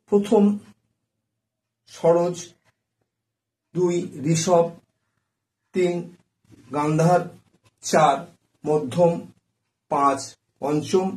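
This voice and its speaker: A man teaching a music lesson, naming notes one by one in a measured, explanatory way. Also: on the high side, darkish tone. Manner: measured, spells out note names one by one. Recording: echoey room.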